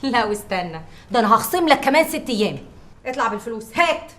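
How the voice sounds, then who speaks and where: A bossy woman barking orders, her voice high, bright and quick in Egyptian Arabic. She sounds shrill and commanding. The room gives back a clear echo. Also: lively intonation. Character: bossy woman playing mistress of the house. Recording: roomy echoey set.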